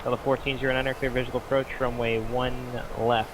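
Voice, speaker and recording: A man's voice: mid-range voice, little pitch movement, a little fast, poor audio. A man working as an air traffic controller, his voice heard as a radio transmission bleeding through, using clipped radio phraseology. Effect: radio transmission bleeding through from the frequency.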